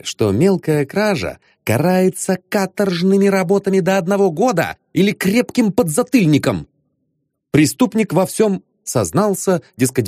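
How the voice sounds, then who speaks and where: A man narrating an audiobook with expressive storytelling. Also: mid-range voice, no room sound, clean studio sound.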